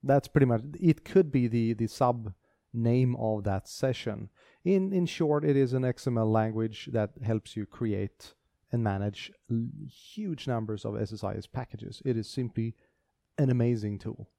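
A man's voice: medium pitch, a little slow, creaky, dark tone, no room sound, clean studio sound. A man co-hosting a casual tech podcast, talking with enthusiasm and frequent restarts. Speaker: podcast co-host.

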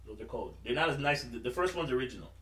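A man's voice: mid-range voice, animated, very fast, fairly bright tone, distant mic. A man hosting casual sports banter in a slangy, profane, frat-bro teasing manner. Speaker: podcast host. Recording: roomy, off-mic, faint noise.

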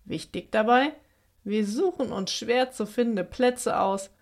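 A woman's voice: on the high side, a little slow. A woman voicing a lonely, stubborn aging witch who scolds and wheedles in a storybook reading. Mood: huffy.

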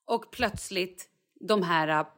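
A woman co-hosting a casual podcast, telling stories in an animated way and acting out what people said. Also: on the low side. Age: adult, mother. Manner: animated storyteller, acts out quotes. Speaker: podcast co-host. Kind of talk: casual chat.

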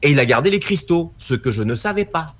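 Talking fairly quickly in a slightly high voice, a middle-aged documentary maker on as a guest recounts a story in a casual, animated way, performing the quoted dialogue of the people involved.

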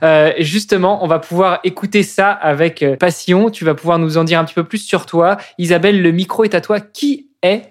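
A man's voice: high voice, fairly quick, few pauses. A man hosting a podcast in a casual way, with frequent hesitations and filler sounds. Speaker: podcast host.

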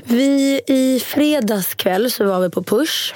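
Animated Swedish-speaking woman telling a story. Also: fairly high pitch. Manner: animated, quotes people in lively voices. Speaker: storyteller guest. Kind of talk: casual storytelling chat.

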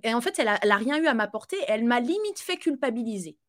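A woman guest on a podcast, talking casually about her life in a halting way full of fillers and restarts, and laughing easily. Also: on the high side, sing-song. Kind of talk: casual conversational interview.

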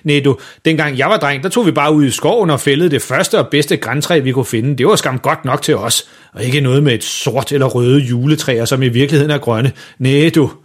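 A man voicing a scheming, boastful dad who wheedles and shouts. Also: mid-range voice, few pauses, lightly acted.

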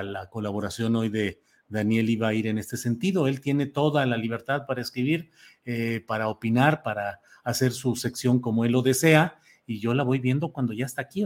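A man with a Mexican accent hosting a live talk show unscripted, halting and repeating words as he searches for phrasing. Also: mid-range voice. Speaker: host of a news talk show.

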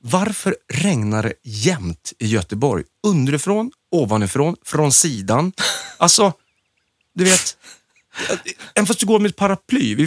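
A man's voice: sits high, no room sound, studio quality. A man with a Stockholm accent chatting casually as a podcast co-host. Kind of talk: casual chat.

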